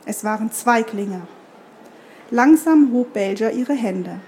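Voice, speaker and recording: A woman author reads her fantasy novel aloud at a live event before an audience, now and then stumbling and correcting herself. Her voice sits a little high, with a faint hum of room ambience behind her. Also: animated, takes it slowly, darkish tone. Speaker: author reading her own book.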